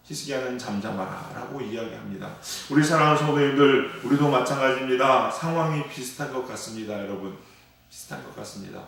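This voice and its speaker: Male pastor at a dawn service, mid-pitched, putting questions to his congregation; heard from a distance in a very reverberant church. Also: fast talker, gravelly, a bit bright. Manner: asks the congregation rhetorical questions and answers them; keeps addressing the listeners directly. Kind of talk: early-morning sermon. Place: church sanctuary. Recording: very echoey hall, voice far from the mic.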